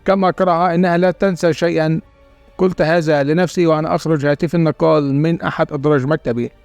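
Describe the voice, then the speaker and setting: A man narrating a dramatic first-person story in a steady reading voice. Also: fairly high pitch, racing, no room sound, faint music behind.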